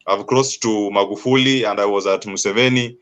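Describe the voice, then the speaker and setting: A man with a Kenyan accent hosting an interview, asking long, winding questions with slow, emphatic phrasing. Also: fairly low pitch, steady tone, a bit bright. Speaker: host. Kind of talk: interview host.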